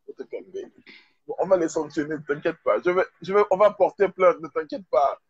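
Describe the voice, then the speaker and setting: A man calling into a live stream, urging the host to calm down and repeating himself. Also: fairly high pitch, a little fast, slightly rough, lo-fi sound. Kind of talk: casual call-in talk.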